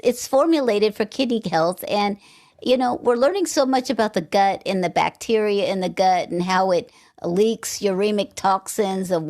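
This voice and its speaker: A woman's voice: fairly low pitch, a little mellow. A woman hosting a podcast interview, talking in a chatty, conversational way with asides. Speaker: podcast host. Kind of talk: casual interview chat.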